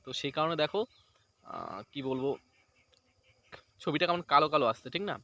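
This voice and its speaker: A man's voice: fairly high pitch, expressive, a little fast, vocal fry, pushed and bright. A man, chatting casually in a vlog outdoors beside a paddy field. He rambles and keeps checking in with "right?". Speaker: vlogger.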